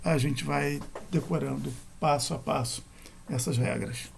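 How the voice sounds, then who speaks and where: A man's voice: a little high, steady tone, unhurried, creaky, slight background noise. A man giving a recorded grammar lecture, explaining rules step by step and correcting himself as he goes. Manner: methodical, self-correcting explanation. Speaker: Greek grammar teacher.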